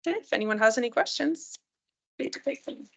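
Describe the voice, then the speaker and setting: A woman's voice: a little high, lively intonation, brisk, vocal fry, fairly bright tone. A woman critical care physician giving a hospital rounds lecture in a conversational way, often checking in with her listeners. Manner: many fillers and restarts.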